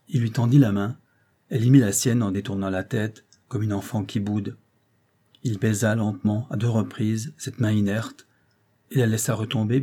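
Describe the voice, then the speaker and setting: Male audiobook narrator, dark and mellow tone, measured reading. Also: fairly low pitch, breathy edge. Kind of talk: scripted narration.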